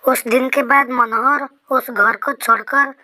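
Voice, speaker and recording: A woman narrating a Hindi horror story in a steady, suspenseful way. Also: sits high, measured pace, rough recording.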